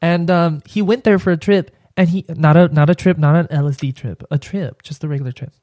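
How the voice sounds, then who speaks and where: A man's voice: a little high, fairly quick, a little mellow, no room sound. A man with a Mexican Spanish accent, chatting casually as a podcast guest and rambling through stories with lots of restarts. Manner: rambling, hesitant storytelling with many restarts. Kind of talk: casual chat.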